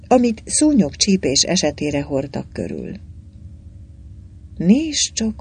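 Male audiobook narrator, wry and expressive, husky, lively pitch. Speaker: audiobook reader.

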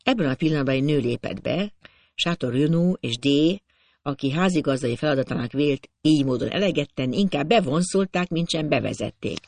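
A man narrating a classic novel as an audiobook in a steady storytelling manner. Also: fairly high pitch, no echo. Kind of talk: scripted narration.

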